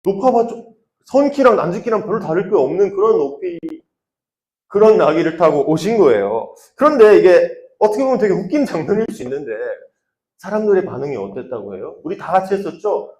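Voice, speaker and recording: Lively high-voiced youth pastor. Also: male voice, brisk. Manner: lively, calls for responses, acts out crowd cries. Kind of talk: sermon to teenagers. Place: church youth room. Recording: roomy church room.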